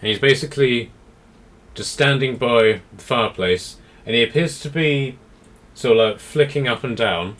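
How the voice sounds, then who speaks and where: A man narrating a tabletop game as game master, in a halting, rambling, improvised way. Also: mid-range voice, a bit bright.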